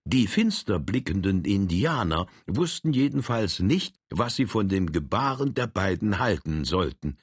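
A man narrating an adventure story in a steady storytelling manner. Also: sits low, a little slow, hardly any pauses, husky, no echo, studio quality. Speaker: audiobook reader. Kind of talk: scripted narration.

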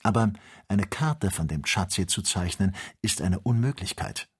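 A man narrating an audiobook in an even, descriptive storytelling manner. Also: deep voice, a little slow, husky. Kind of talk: scripted narration.

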